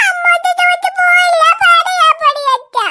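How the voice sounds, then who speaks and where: A woman's voice: very high-pitched, steady tone, normal speed, pushed and bright. A woman voicing a crying, sulky little girl in a cartoon, whiny and insistent. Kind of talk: cartoon voice acting.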